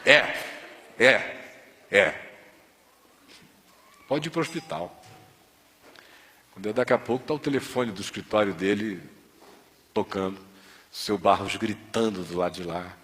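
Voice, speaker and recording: A man's voice: fairly low pitch, measured pace, pauses often, bright, forceful tone. A man preaching a sermon through a story, acting out the voices of the people in it. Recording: long hall reverb.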